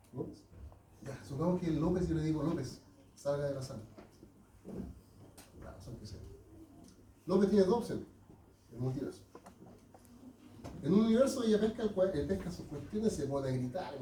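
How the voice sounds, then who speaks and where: Man, teacher, classroom lecture, slightly high voice, roomy echo, faint background noise. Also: warm tone. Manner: asks students frequent check-in questions. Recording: echoey classroom from far off.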